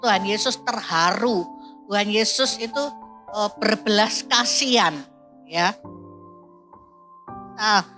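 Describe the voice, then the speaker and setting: A woman's voice: medium pitch, slow, pauses often, bright, forceful tone, soft background music. A woman preacher, reading Bible verses and explaining them in a sermon, often adding "ya" and "Saudaraku". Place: church service.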